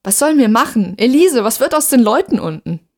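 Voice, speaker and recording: A woman reading aloud and voicing a young female roommate who calls out in raised, bright bursts. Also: medium pitch, lively intonation, moderate pace, natural voice. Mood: anxious. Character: young woman roommate, cheerful then frightened.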